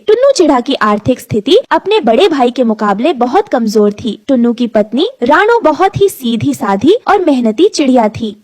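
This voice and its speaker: High-voiced woman telling a children's tale. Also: no echo. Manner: expressive, dramatic. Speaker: narrator. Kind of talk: storytelling narration for children.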